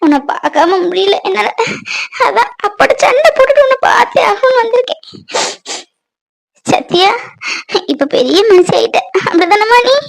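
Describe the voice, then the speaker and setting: A woman's voice: sits high, sing-song, fairly quick, hardly any pauses, a bit bright, heavily acted. A woman playing a middle-aged mother who cries and pleads with the daughter who left home. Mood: tearful. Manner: tearful, pleading, voice breaking. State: crying.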